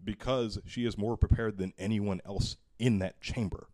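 A man's voice: lowish voice, fairly even intonation, moderate pace, mellow. A man ranting heatedly about politics in casual chat, swearing often.

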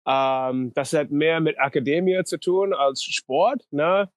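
An American man speaking halting German. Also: fairly high pitch, steady tone, no echo. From North Dakota, USA. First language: English. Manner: halting non-native German, searching for words. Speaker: guest, pitching coach. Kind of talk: casual interview chat.

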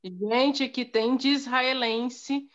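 A woman guest tells relaxed, laughing anecdotes in a casual podcast chat. Her voice sits fairly high. The sound is dull and lo-fi. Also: drawn-out words. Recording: dull lo-fi audio.

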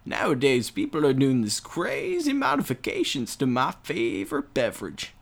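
A man putting on a voice as a nostalgic old man who rambles about the old days in folksy, drawn-out speech. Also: medium pitch, wildly swooping pitch, gravelly, heavily acted.

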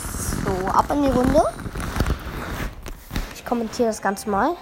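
A woman's voice: fairly high pitch, slow pace, noisy background. A young woman casually commentating her own gameplay, teasing her teammate and barking orders at her. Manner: teasing, bossy, calls out orders. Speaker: gaming video host.

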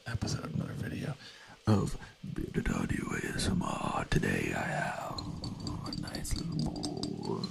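A man's voice: extremely low pitch, wildly swooping pitch, a little slow, vocal fry, heavy background noise. A man whispering an ASMR video, playful and chatty with the viewer as he taps on objects. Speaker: ASMR creator.

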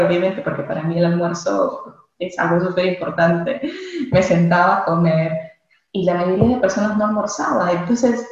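A woman from Peru, a guest speaking thoughtfully in a casual interview, often restarting and adding tag questions. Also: lowish voice. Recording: very echoey, dull lo-fi sound.

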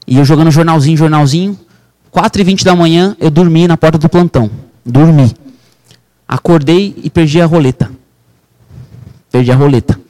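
A man, his voice sitting a little high for a man, tells his life story on a podcast. He speaks with intense, fervent emphasis and keeps turning to his listener as a brother. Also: normal speed, pauses often, dark tone. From Brazil. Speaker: real estate broker, podcast guest. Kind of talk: emotional personal storytelling.

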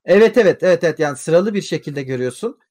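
Man, high voice, rapid animated storyteller, swears a lot, casual panel chat.

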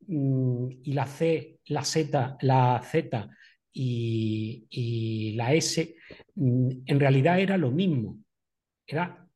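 A man interviewing a guest, asking long questions with many hesitant filler pauses. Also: medium pitch, mellow.

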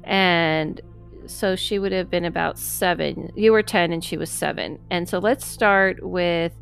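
Chatty woman podcast host, low voice. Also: steady tone, unhurried, creaky, faint music behind. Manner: chatty, affirming, laughs often. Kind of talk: casual interview chat.

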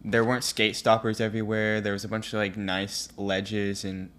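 A man's voice: lowish voice, level tone, moderate pace, fairly bright tone. Easygoing young male podcast host. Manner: easygoing, chatty. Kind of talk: casual chat.

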